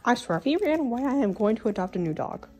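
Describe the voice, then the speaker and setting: A woman's voice: fairly high pitch, very animated, quick pace, a little mellow, soft background music. A woman in improvised pretend play as a pet owner, scolding her dog in a playful, mock-dramatic way.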